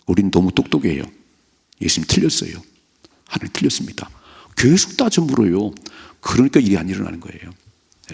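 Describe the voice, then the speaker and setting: Gravelly husky-voiced male pastor. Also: sits low. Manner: animated storytelling, acting out characters' lines. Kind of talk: early-morning prayer sermon.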